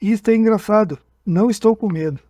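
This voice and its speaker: A dazed hypnotized man reliving a strange night on a dark road, halting and stumbling over his own words, as a man reads him aloud. The voice sits fairly high and dry, with no room around it. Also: no room sound. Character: frightened man reliving an abduction under hypnosis.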